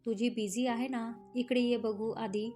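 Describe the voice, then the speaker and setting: A woman's voice: on the high side, fairly even intonation, unhurried, soft background music, lightly acted. A woman reading a protective scolding grandmother. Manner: sharp reproachful scolding. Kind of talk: storybook character reading.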